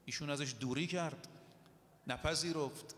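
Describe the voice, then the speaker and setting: A male preacher delivering a religious sermon, telling stories with slow, deliberate emphasis and reciting Arabic verses. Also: fairly high pitch, steady tone, a bit bright. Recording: echoey hall reverb.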